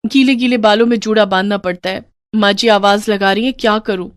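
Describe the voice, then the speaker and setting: A woman voicing a shy young newlywed bride who speaks softly and pleadingly. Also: medium pitch, steady tone, a little fast, no room sound, close to an everyday voice. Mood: fretful.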